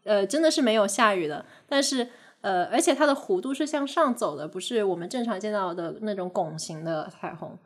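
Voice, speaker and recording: A woman co-hosting a casual podcast chat, who speaks in a measured way and describes things in careful detail. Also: mid-range voice, expressive. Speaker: podcast co-host.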